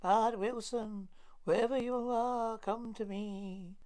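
A man voicing an old crone witch, fearful and eerie, with drawn-out words, in a storybook reading. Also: sits high, fairly even intonation, a little mellow, clean tone, pitched above the performer's own voice. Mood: summoning.

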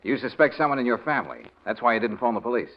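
A man acting a wry, animated radio detective. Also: mid-range voice, racing, natural voice. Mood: probing. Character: sharp, wry male private troubleshooter. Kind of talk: 1940s radio drama acting. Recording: dull vintage radio recording.

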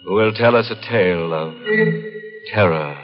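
A man playing a sly, gleeful horror show host who tells morbid jokes in theatrical 1940s radio style. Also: low voice. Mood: sly, mocking. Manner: mocking, theatrical, drawn-out delivery. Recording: dull old radio recording with music.

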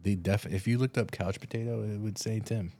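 A man's voice: lowish voice, steady tone, brisk, dark tone. A man co-hosting a podcast, tired after a red-eye flight, chatting casually and telling rambling stories with many restarts. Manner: laid-back storyteller, frequent restarts. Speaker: podcast co-host. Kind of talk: casual chat.

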